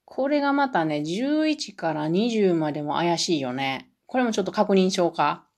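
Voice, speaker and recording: A woman's voice: on the low side, expressive, normal speed, a little mellow. A woman with a Kansai Japanese accent hosting a solo podcast lesson, drilling numbers in Japanese and then English and chatting in a self-deprecating way. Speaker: podcast host teaching English.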